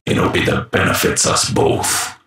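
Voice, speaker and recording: A man's voice: normal speed, a bit bright. A man voicing an ominous robot doctor from a video game, grumbly and tube-like, through a robotic filter with a small echoing reverb. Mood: ominous, composed. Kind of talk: video game character lines.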